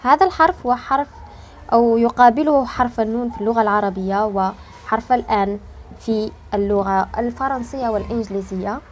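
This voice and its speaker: A woman teaching an online language lesson, explaining slowly and patiently, stretching key words and pausing to think. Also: fairly high pitch, a little hiss or hum.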